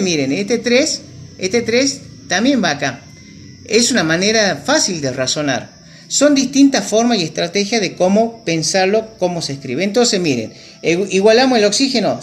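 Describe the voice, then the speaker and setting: Animated man teaching chemistry. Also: high voice. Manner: patient, checks with students, repeats key terms. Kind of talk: classroom lesson at a whiteboard.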